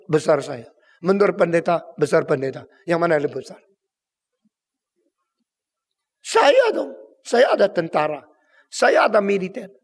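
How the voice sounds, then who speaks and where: Brief: boastful middle-aged king, as a preacher plays him, high voice in a reverberant hall. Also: vocal fry, exaggerated voice. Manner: bragging, scoffing.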